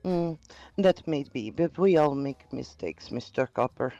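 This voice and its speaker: A man's voice: medium pitch, expressive, unhurried, dark tone, dull audio, soft background music. A man playing a courteous, self-deprecating townsperson who speaks formally and a little hesitantly in a role-play game. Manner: formal address, hesitant murmured agreement. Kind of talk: improvised in-character role-play chat.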